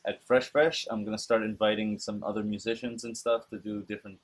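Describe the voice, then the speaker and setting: A man's voice: fairly low pitch, flat delivery, a little fast. A young adult man, a musician, chatting in an easygoing way in a casual interview. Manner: easygoing with "you know" fillers.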